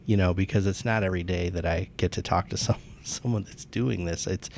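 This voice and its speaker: Host guy, lowish voice, chatty, restarts his sentences a lot. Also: fairly even intonation, a little fast, darkish tone, a little hiss or hum. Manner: conversational, with hesitant restarts. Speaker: interview show host. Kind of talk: interview with a sponsor read.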